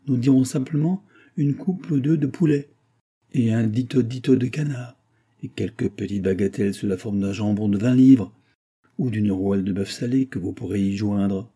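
A man reading an audiobook and voicing a pompous, lecturing brewer's clerk who talks loudly and emphatically. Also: fairly low pitch, moderate pace, slightly rough. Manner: lecturing, self-important, emphatic.

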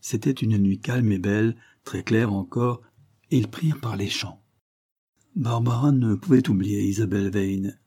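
A man reading a classic novel aloud in measured, scripted narration. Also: fairly low pitch, warm tone, breathy edge. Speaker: audiobook reader.

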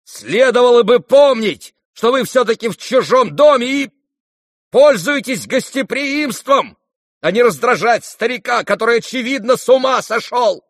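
A man doing a shrill, furious young man. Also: huge pitch swings, extremely slow, darkish tone, breathy edge, no room sound, clean studio sound, full character voice. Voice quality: shrill, choking with anger.

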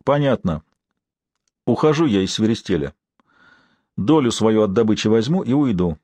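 A man's voice: on the low side, lively intonation, normal speed, a little mellow, no echo. A man voicing a young prince in an audiobook, speaking in a gloomy, curt way. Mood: hard. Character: young prince, brooding, bitter, self-reproaching.

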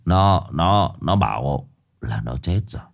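A man's voice: sing-song, a little slow, gravelly, heavily acted. A man voicing an anxious older village man who speaks hesitantly and stammers. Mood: worried. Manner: hesitant, stammering, low and hushed.

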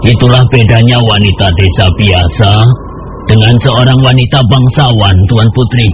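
A man playing a flattering, deferential royal soldier who speaks persuasively in an Indonesian radio drama. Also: mid-range voice, normal speed, close to an everyday voice. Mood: coaxing. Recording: noisy radio drama recording.

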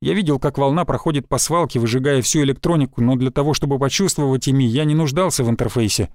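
A man's voice: medium pitch, fast, darkish tone, no room sound, studio quality. Man narrating a sci-fi audiobook. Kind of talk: scripted first-person narration.

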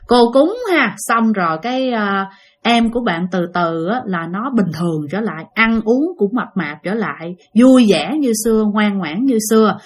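A woman's voice: medium pitch, fairly bright tone. Chatty Southern Vietnamese woman storyteller. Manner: chatty, addresses listeners directly. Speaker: ghost story channel host. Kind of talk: storytelling narration.

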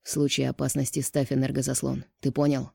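A woman reading a stern, commanding alien man in a storybook, giving low clipped orders. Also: completely flat delivery, fairly quick, vocal fry, warm tone, breathy edge, no echo, clean studio sound, heavily acted. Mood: curt.

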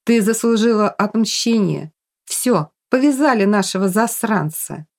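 A woman's voice: medium pitch, animated, creaky, darkish tone. Woman doing a blunt tough girl. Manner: brisk and blunt.

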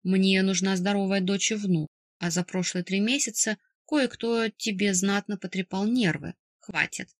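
A woman voicing a doting, stubborn middle-aged father who runs a company, coaxing and fussing but turning gruff and commanding, in an audiobook. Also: mid-range voice, fairly even intonation, moderate pace, no echo, studio quality, close to an everyday voice. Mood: stern. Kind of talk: audiobook character voice.

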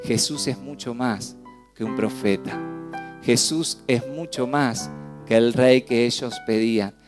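Dramatic Argentine preacher, faint music. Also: male voice, fairly even intonation, unhurried. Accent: Argentine Spanish. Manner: dramatic, swings between loud exclamations and hushed low lines. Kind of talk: sermon. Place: church service.

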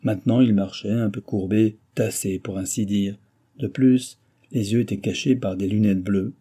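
Man reading an old novel aloud, steady, husky, low voice. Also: normal speed. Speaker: audiobook narrator. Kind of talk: scripted narration.

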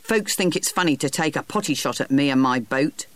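Man putting on a blunt, hearty old self-made boss, gruff and coarse, slightly raised pitch. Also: lively intonation, a little fast, close to an everyday voice. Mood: boastful. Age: older.

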